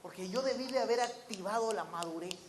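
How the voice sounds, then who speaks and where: A man with a high, light voice delivers a sermon to his congregation. He keeps the room engaged with rhetorical questions and acts out the voices of the people he quotes, over a faint hum of background noise. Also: fairly quick. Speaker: preacher.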